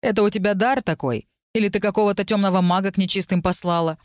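A woman voicing a brooding young male necromancer student in an audiobook, with a hoarse, low-pitched voice. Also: fast talker, dry recording, studio quality, close to an everyday voice. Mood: tense. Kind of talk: audiobook character reading.

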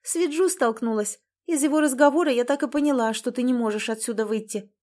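A woman's voice: fairly high pitch, quick pace, darkish tone, voice pushed up, natural voice. A woman voicing a wry, evasive young woman who dodges hard questions, in an audiobook. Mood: explaining. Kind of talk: audiobook character voice.

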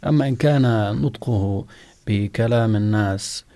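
A man, a sheikh calmly explaining rulings to callers with examples. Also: lowish voice, moderate pace. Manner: calm, explanatory, gives examples. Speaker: sheikh answering callers' questions. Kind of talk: religious call-in answers.

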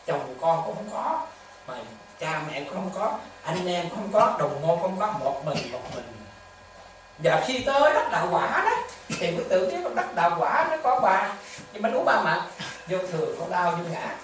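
A Buddhist monk giving a dharma talk to lay followers, with repetitive, animated storytelling and rhetorical questions. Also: medium pitch, normal speed, slight background noise. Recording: echoey hall, distant mic, faint ambience.

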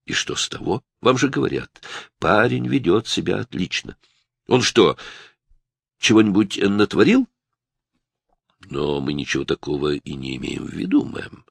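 A man's voice: sits low, big pitch swings, normal speed, creaky, long pauses, slightly rough, no room sound, full character voice. A man voicing a defensive, curt middle-aged mother in an audiobook. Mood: prickly.

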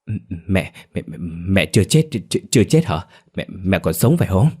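A man's voice: sits low, very animated, normal speed, a little mellow, slightly rough, full character voice. A man voicing a middle-aged son who stammers in disbelief. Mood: stunned.

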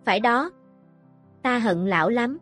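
A woman's voice: fairly high pitch, lively intonation, a little slow, a bit bright, faint music behind. A woman voicing a young male swordsman, tense and bitter, torn about his father. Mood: anguished. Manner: tense, outbursts of anger.

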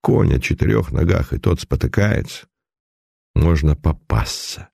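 A man's voice: a bass voice, lively intonation, a little slow, creaky, warm tone, husky, no room sound, clean studio sound, full character voice. A man voicing a nervous, cautious military officer in an audiobook reading. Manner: nervous and insistent.

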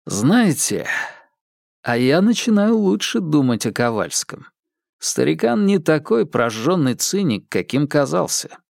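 A man playing a calm, ironic young male detective with a dry, teasing, unhurried manner in an audiobook. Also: fairly high pitch, vocal fry, no echo, voice pushed up, heavily acted. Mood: wry.

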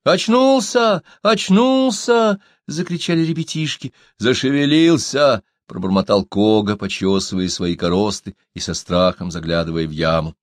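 A man narrating a novel in a dramatic, expressive reading. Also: sits low, a little fast, hardly any pauses, dry recording, studio quality. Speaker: audiobook narrator. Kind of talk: scripted narration.

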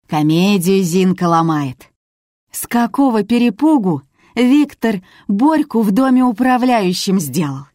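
A woman's voice: mid-range voice, sing-song, unhurried, darkish tone, no echo, studio quality, pitched above the performer's own voice. A woman voicing a spiteful, gossiping milk-seller with a snappish, mocking manner.

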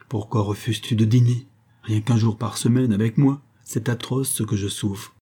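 A man's voice: medium pitch, warm tone, husky, lightly acted. A man reading a trembling, desperate society woman who pleads with her lover. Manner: trembling, imploring, rising to outbursts.

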